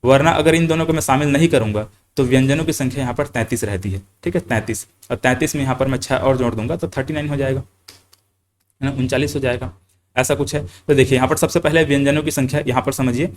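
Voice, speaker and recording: A young man with a mid-range voice talks fast through an exam-prep grammar lesson, with a little hiss or hum in the background. He quizzes listeners with questions he answers himself, repeats the key points, and fills gaps with "thik hai".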